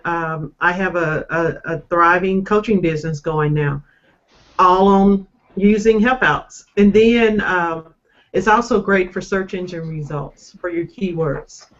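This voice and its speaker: A participant on a casual video call talks slowly and haltingly, pausing and filling gaps. The call audio sounds dull and lo-fi. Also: medium pitch, fairly bright tone. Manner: halting, with pauses and fillers. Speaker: caller sharing experience.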